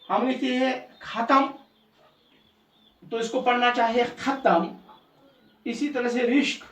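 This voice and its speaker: A man teaching an Urdu class, slowly repeating each word to drill its correct pronunciation. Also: very high-pitched, flat delivery. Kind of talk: recorded pronunciation lesson. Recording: distant mic in a roomy space, faint ambient noise.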